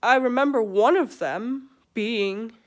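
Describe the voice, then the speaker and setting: A vlogger in her twenties from England talks in an American accent in a personal, confessional vlog. Her voice is a little high, and she speaks hesitantly with many pauses and fillers.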